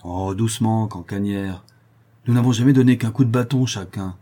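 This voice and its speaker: A man's voice: fairly low pitch, moderate pace, mellow, breathy edge. A man voicing a blunt, jovial craftsman in a spoken storybook, with a wry way of talking.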